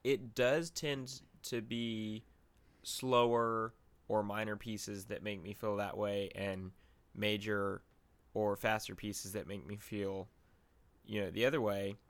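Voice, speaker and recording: A man co-hosting a casual podcast chat, talking in a slow, reflective way with many fillers. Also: lowish voice, flat delivery, no echo. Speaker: podcast co-host.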